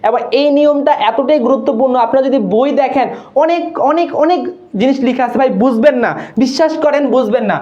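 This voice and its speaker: A man's voice: very high voice, fast, a little mellow, highs cut off. A man from Dinajpur, Bangladesh, teaching Bangla spelling in a live online class, repeating words and often checking that students follow.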